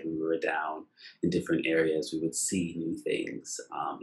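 In a rough recording, a low, creaky male voice belongs to an interview host from Nova Scotia with a Canadian accent. He keeps the casual interview going in an enthusiastic, effusive, rambling manner.

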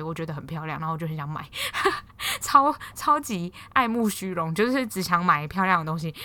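A young Taiwanese-accented woman in her twenties hosts a solo podcast in a casual, rambling way. Her voice sits somewhat low but sounds bright and crisp, and she talks at a quick clip. She keeps circling back and restarting her sentences as she tells the story. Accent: Taiwanese Mandarin. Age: 20s. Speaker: podcast host.

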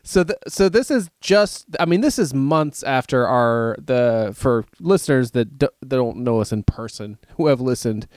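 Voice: medium pitch, a little mellow, no echo, clean studio sound. A podcast co-host in casual chat, giggly and self-deprecating, rambling with restarts.

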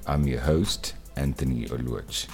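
A man with an extremely deep voice delivers a scripted podcast intro in a measured, deliberate way. Soft music plays underneath him. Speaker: podcast host.

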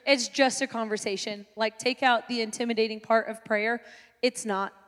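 A woman's voice: fairly high pitch, steady tone, moderate pace, long reverb tail. A woman in her late twenties, a pastor on a panel, talking casually and jokingly. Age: 20s. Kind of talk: panel Q&A chat.

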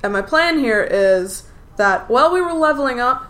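A woman's voice: on the high side, expressive, normal speed, fairly bright tone. A woman voicing her druid character in a tabletop game, casual and offhand as she lays out a plan. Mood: scheming. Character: druid adventurer Murdoch, plain-spoken.

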